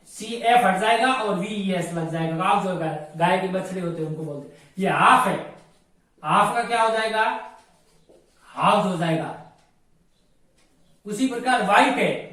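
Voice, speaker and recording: A man teaching a classroom grammar lesson, patient and repetitive, spelling words out letter by letter. His voice sits high for a man and. He sounds far from the mic in a very echoey room. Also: a bit bright. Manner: explains slowly, repeats rules, spells words letter by letter.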